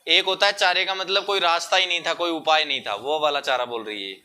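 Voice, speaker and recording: A man's voice: on the high side, fairly even intonation, fast talker, bright, forceful tone, slight background noise. A young man teaching schoolchildren in a classroom, explaining patiently and mixing in English words. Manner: explains patiently, addresses pupils as beta, mixes English words. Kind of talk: classroom Hindi lesson.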